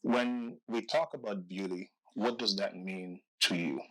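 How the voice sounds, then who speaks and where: A man from Guyana hosting an interview, asking questions slowly and haltingly, with many ums and repeated words. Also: fairly low pitch, fairly bright tone, poor audio. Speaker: interview host.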